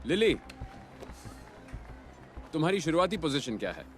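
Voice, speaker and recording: Bossy racing team owner, lively pitch, faint music behind. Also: male voice, unhurried. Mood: commanding. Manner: brusque, commanding. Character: stern male racing team owner, irritable. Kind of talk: dubbed film dialogue.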